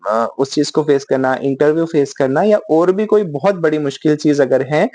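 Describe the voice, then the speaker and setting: A man teaching English vocabulary in Hindi, explaining patiently, checking in often and reading English example sentences slowly. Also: a little high, warm tone, dry recording. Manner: explains slowly, often asks "ठीक है?", fillers. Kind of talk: spoken Hindi lesson mixing English.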